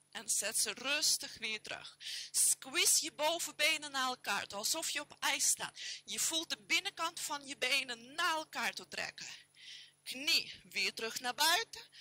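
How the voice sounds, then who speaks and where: A woman with a Dutch accent guides a yoga class in slow, unhurried cues that follow the breath. Her voice sits a little high and rings very bright. The sound is dry, with no room echo. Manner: calm, steady cues paced to the breath. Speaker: yoga instructor.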